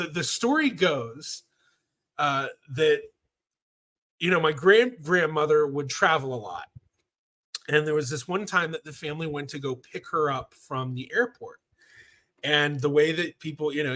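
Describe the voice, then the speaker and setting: A man's voice: on the high side, pushed and bright. A man in his thirties, a professional genealogist hosting a casual livestream Q&A, talking in a chatty, rambling way with lots of fillers. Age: 30s.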